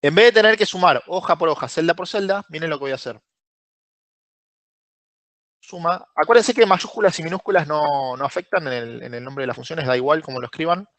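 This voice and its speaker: Brief: man, Rioplatense Spanish accent, online class instructor, somewhat high voice, dry close sound, quizzes students and praises them by name. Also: fairly quick, fairly bright tone, dry recording. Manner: asks the class questions and praises answers by name. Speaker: Excel course instructor. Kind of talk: live online class, explaining step by step.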